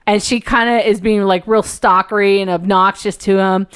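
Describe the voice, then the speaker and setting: A woman hosting a podcast in casual chat, telling stories in an animated way and laughing often. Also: medium pitch, moderate pace, clear, resonant tone. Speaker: podcast host.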